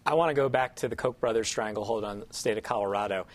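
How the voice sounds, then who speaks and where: A man speaking as a guest panelist on a political roundtable, quick and earnest. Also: lowish voice.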